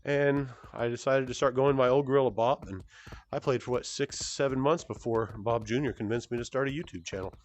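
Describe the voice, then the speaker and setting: Playing a VR game, a good-natured man in his forties fields fan questions for his gaming channel over a headset mic. At an everyday pitch and a fairly quick pace, he wanders off topic, leans on fillers, and keeps restarting and correcting himself.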